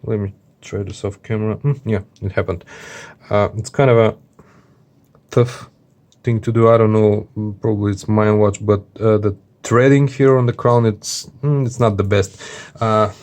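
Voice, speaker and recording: A man with a slightly deep voice talks through a product review off the cuff. His delivery is informal and hesitant, stopping and starting as he looks for the right word. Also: steady tone, a little mellow. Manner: halting, hesitant, searching for words. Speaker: watch reviewer. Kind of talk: casual unscripted product review.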